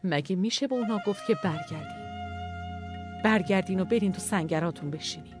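A pleading, tearful male war commander in an audio story, as a narrator voices him. He speaks with strained emotion in an even, mid-pitched voice. Faint violin music plays underneath. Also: close to an everyday voice. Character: grieving war commander, man, weary and pleading.

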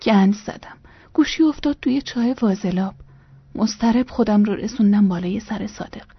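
A woman reading a first-person memoir aloud in a soft voice that often drops almost to a whisper. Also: medium pitch, slightly rough, no room sound, lo-fi sound. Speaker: narrator.

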